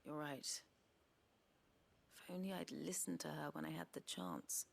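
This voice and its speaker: An actress playing a regretful, apologetic noblewoman in a video game, her voice creaky and breathy. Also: low voice, measured pace, heavily acted. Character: regretful noblewoman, contrite daughter of an eminence. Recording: music behind the voice. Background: game music.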